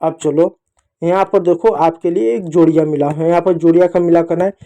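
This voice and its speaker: A man's voice: a little high, fairly even intonation, fairly quick, warm tone. A man teaching young children a lesson, patiently repeating each sound and asking and answering his own questions. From India.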